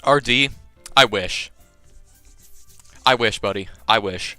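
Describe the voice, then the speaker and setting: Slow and on the low side, a young man's voice reads a visual novel aloud for his live stream over soft background music, with no echo. He's animated and jokey, chatting with viewers between lines.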